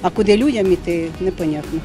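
A woman's voice: on the low side, fast. An older woman outdoors answering a reporter bluntly and indignantly. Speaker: passer-by in street interview. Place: garden street outdoors. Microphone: handheld reporter mic. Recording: music bed under voice.

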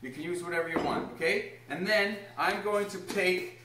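A man's voice: high-pitched, normal speed, noisy background. Upbeat young man teaching in a kitchen. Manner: upbeat, encouraging, talks to a small child while explaining steps. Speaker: home cooking host. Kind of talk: casual cooking demonstration. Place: home kitchen, indoors. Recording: echoey kitchen room.

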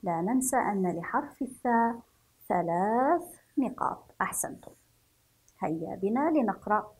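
A woman teaching first graders to read, stretching out each word slowly and praising them softly. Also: mid-range voice, animated, breathy edge, low-quality recording. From Yemen. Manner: slow, drawn-out syllables for children, praising softly. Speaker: primary school teacher. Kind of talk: children's reading lesson.

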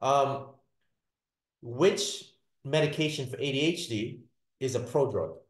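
A man's voice: medium pitch, takes it slowly, reverberant. A man teaching a class, repeating his points and checking in with the students with "all right?" and "does that make sense?". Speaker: lecturer. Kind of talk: classroom lecture.

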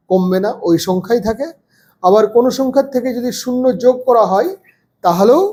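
A man's voice: high voice, warm tone. A man teaching young children from a textbook, patiently spelling words out letter by letter. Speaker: primary school teacher.

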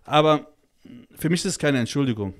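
A man's voice: a little high, lively intonation, fairly quick. A man speaking as a podcast guest in casual conversation, blunt and crude, full of slang and swearing, heated and emphatic. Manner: blunt and crude, heavy slang, swears, keeps saying "Alter". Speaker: guest, child-protection activist.

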